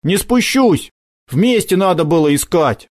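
A man's voice: high-pitched, lively intonation, unhurried, no room sound, clean studio sound, voice pushed up. A man voicing a stubborn, earnest teenage boy who speaks firmly and indignantly in an audiobook. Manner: firm, indignant.

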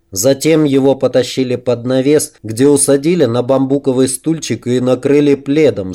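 A man narrating a novel aloud in a measured, even reading. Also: medium pitch. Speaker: audiobook narrator. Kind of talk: scripted narration.

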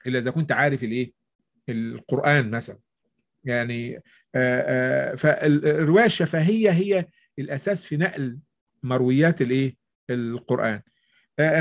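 A man with an Egyptian Arabic accent hosting a discussion, explaining at length and answering his own rhetorical questions. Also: on the high side. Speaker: discussion host. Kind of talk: explanatory debate talk.

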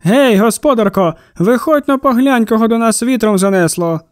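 A man's voice: very high-pitched, lively intonation, normal speed, no echo, studio quality. A man voicing a jolly, chubby shopkeeper who jokes theatrically and exclaims heartily in a storybook reading. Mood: cheerful.

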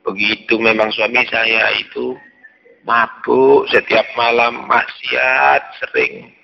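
A man's voice: medium pitch, takes it slowly, gravelly, noisy background, pitched below the performer's own voice. A man voicing a humble, resigned middle-aged village wife, telling her story in a plain, confiding way. The recording is dull and lo-fi.

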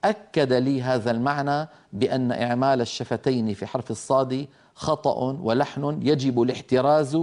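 A man's voice: medium pitch, fairly even intonation, fairly quick, darkish tone. A middle-aged man giving a recorded Quran pronunciation lesson, explaining earnestly and sounding out letters to demonstrate. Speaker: Quran recitation teacher.

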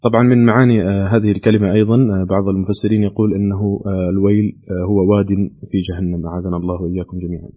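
A man's voice: low-pitched, level tone, racing, few pauses, narrow, tinny audio. A man hosting a call-in Quran quiz show, explaining answers with frequent hesitation fillers.

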